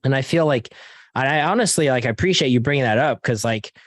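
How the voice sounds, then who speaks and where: A man's voice: medium pitch, quick pace, no echo. Guy giving a pep-talk sales training on a video call, super casual, lots of like and dude, dry close sound. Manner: casual, filler-heavy, addresses audience as guys and dude.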